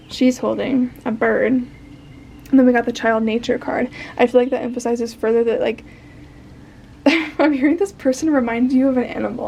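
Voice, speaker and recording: Young woman doing a pick a card tarot reading, kinda high voice, tired and croaky, rambles a lot. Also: a little hiss or hum. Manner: chatty, rambling with fillers and soft laughs. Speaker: tarot reader.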